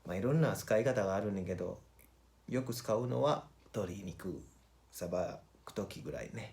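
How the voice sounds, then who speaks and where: A man presenting like a casual vlogger, informal and halting, switching between languages and often repeating himself. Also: on the low side, vocal fry, darkish tone. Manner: informal, halting, repeats phrases and address tags. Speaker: vlogger and cook.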